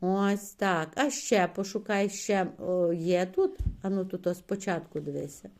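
A woman's voice: mid-range voice, fairly even intonation, unhurried, darkish tone. A woman teacher giving a patient one-on-one reading lesson to a child, coaxing and praising often and stretching out letter sounds.

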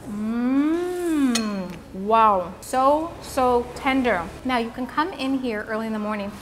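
A woman's voice: on the high side, expressive, slow, a little hiss or hum. A woman food vlogger chewing while she talks, savoring and describing food with enthusiasm. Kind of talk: casual food tour vlog.

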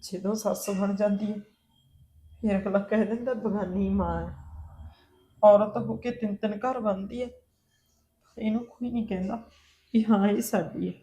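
A woman's voice: mid-range voice, steady tone, moderate pace, long pauses, mellow, a little hiss or hum, close to an everyday voice. An actress playing a wounded aunt who plaintively complains that no home counts her as its own. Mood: aggrieved. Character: hurt aunt who lives with her brother's family. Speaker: sister-in-law, married daughter of the house. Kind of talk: Punjabi family drama acting.

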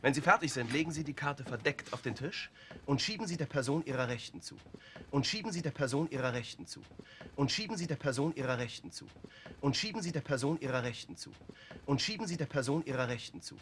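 A man's voice: medium pitch, animated, quick pace, a bit bright, natural voice. Man doing a playful officer running a card guessing game, bossy instructions, faint hiss. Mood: game-leading. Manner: instructing, playful, laughs often. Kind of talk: film dialogue.

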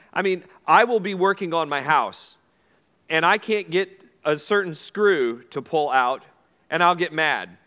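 A pastor preaches conversationally in a church sanctuary, repeating key phrases and putting questions to the congregation. His voice is on the high side with a sharp tone, carried by long hall reverb.

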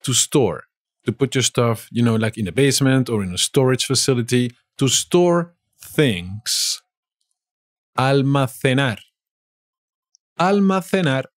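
Slow Spanish teacher from Spain. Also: male voice, fairly low pitch, no echo, clean studio sound. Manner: slow, repeats each word twice. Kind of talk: vocabulary lesson.

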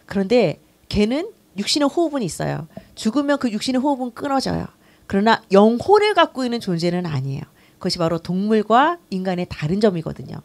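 A woman's voice: mid-range voice, big pitch swings, brisk, a little mellow. A middle-aged woman pastor teaching a new-member class, telling her own story and acting out her old complaints.

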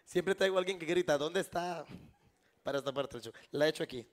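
Speaking fairly quickly in a voice on the high side, a man from Costa Rica does a live stage magic act before an audience. He trades jokes with his volunteer and with the crowd.

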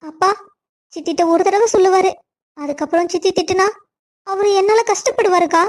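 Woman doing a shy crying young girl in a cartoon, high soft pleading voice. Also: brisk. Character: timid young woman, tearful and submissive.

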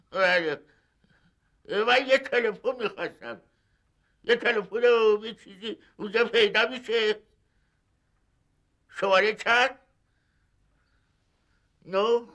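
A fussy, sighing old hotel guest. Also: male voice, high-pitched, sharp tone. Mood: eager. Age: older. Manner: sighing and complaining. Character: fretful elderly male hotel guest, sickly and fussy. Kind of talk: sitcom acting.

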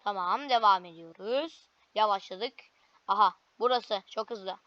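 A woman commentating her own gameplay, excitable, with frequent frustrated cries and cheers. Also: mid-range voice, measured pace, dry recording, muffled recording. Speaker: gaming video creator.

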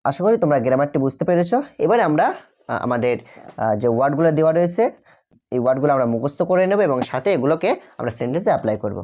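A woman's voice: low-pitched, expressive, quick pace, dark tone. A woman teaching an Arabic grammar lesson, patiently repeating example words and checking understanding with frequent "okay?".

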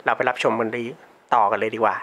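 A man's voice: on the low side, little pitch movement, fast talker, loud music behind the voice. A teenage boy talking casually and chattily in a prank vlog, laughing often and using slang. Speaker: YouTuber prank caller. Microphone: desktop computer mic.

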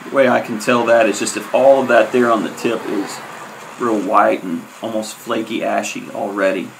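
A man in his thirties giving a casual, hesitant, relaxed review to camera as a host, with frequent pauses. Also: lowish voice, gravelly, noisy background. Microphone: camera at arm's length.

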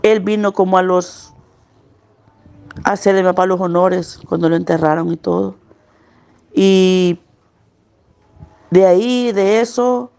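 Creaky-voiced woman giving pained testimony. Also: fairly low pitch, dark tone. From El Salvador. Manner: earnest, pained recounting, slowing at hard moments. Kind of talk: personal testimony.

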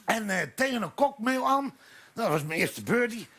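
A man's voice: sits high, lively intonation, moderate pace, noisy background. A man telling a long rambling joke on stage at a talk show, full of fillers and restarts. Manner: rambling anecdotal delivery with many fillers and restarts. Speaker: guest storyteller. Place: village café talk show before a live audience.

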